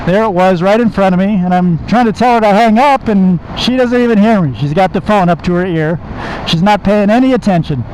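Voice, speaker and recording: American man, fairly high voice, speaking inside a motorcycle helmet, casual motovlog storytelling, conversational, noticeable road and engine noise. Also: a little fast, a little mellow. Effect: muffled inside a motorcycle helmet. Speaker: motovlogger and car salesman. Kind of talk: casual storytelling to camera while riding. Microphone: microphone inside helmet.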